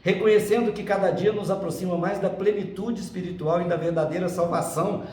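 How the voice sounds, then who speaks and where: A middle-aged man gives a spiritist lecture, talking in a chatty, playful way that slips between earnest teaching and little jokes. His voice sits fairly high for a man. He is picked up from a distance in a booming, echoey hall, with a faint hum underneath. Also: steady tone, a little fast, darkish tone. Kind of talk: spiritist lecture with joking asides. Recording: echoey hall from far off, faint background noise.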